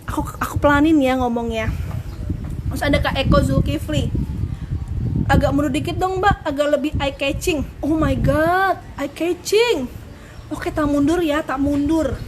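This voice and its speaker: A young woman hosting a casual live stream, chatty and giggly, answering viewer questions and admitting she talks too fast. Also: high voice. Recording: noisy live stream audio.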